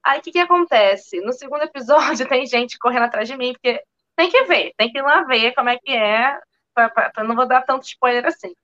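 Woman guest, high bright voice, animated storyteller, a bit dull and lo-fi. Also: brisk. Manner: lively, animated, acts out quotes with laughter. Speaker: podcast guest, actress. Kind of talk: casual storytelling chat.

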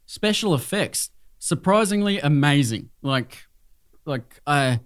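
A young man hosting a podcast in casual chat, animated and swearing freely as he thinks out loud. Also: on the high side, slow, clean tone. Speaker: podcast host. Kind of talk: casual chat and movie review.

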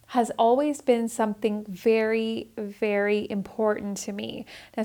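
Earnest woman hosting a spiritual podcast. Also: mid-range voice. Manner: earnest, rambling, self-correcting. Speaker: podcast host. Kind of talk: casual spiritual podcast talk.

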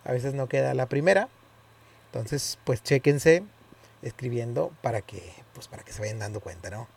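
A man's voice: medium pitch, expressive, moderate pace, vocal fry, a little mellow, breathy edge. A man giving a casual spoken tutorial, hesitant and often correcting himself as he demonstrates. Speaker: tutorial presenter.

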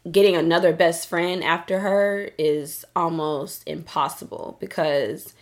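A woman's voice: on the low side, fairly even intonation, unhurried. A woman co-hosting a podcast, telling a personal story in a candid, emphatic way, cursing often and saying "like" a lot. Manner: emphatic, profane storytelling with frequent "like". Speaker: podcast co-host. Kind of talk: candid casual podcast chat. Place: Dallas.

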